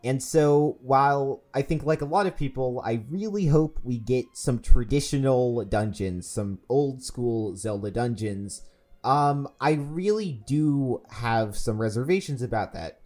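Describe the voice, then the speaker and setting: A man's voice: medium pitch, animated, measured pace, a little mellow. A man who is a podcast regular, sharing opinions in casual discussion.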